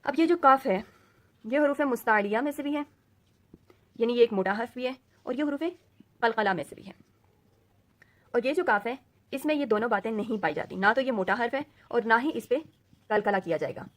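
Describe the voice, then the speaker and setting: In a recorded Quran reading lesson, a female teacher with a fairly high, animated voice explains things slowly and patiently, slipping English words into her teaching. She says each letter sound over and over so learners can imitate it.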